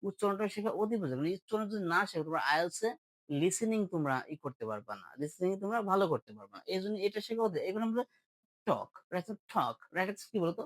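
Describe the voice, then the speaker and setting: A man's voice: high-pitched, very animated, racing, no echo, poor audio. A man, teaching English pronunciation in an online lesson and drilling words for viewers to repeat after him.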